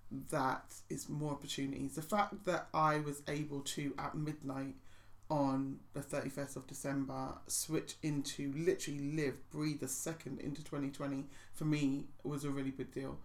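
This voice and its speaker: A woman's voice: low voice, flat delivery, measured pace. A woman co-hosting a podcast, talking earnestly and reflectively, sometimes laughing nervously. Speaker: podcast co-host. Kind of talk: casual chat.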